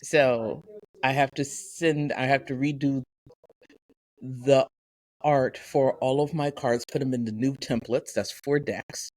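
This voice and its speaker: A woman co-hosting a podcast, telling rambling, animated stories in casual chat. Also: very deep voice, slow, rough recording. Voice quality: animated, rambling storytelling with voiced asides. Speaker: podcast co-host.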